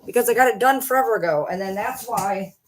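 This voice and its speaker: A woman's voice: a little high, fast talker, a little hiss or hum. Chatty woman in her forties livestreaming. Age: 40s. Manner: chatty, rambling, reads and answers comments. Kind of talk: casual live stream chat.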